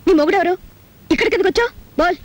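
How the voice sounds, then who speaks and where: An actress playing a sharp-tongued, hot-headed young unmarried woman who lectures and retorts fast. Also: extremely high pitch, music in the background. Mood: scolding. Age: young adult. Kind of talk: Telugu film melodrama.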